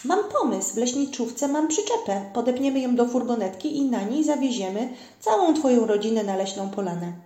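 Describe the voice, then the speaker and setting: A woman's voice: fairly high pitch, measured pace. A woman doing an eager young forester. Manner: lively, excited. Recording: roomy echo.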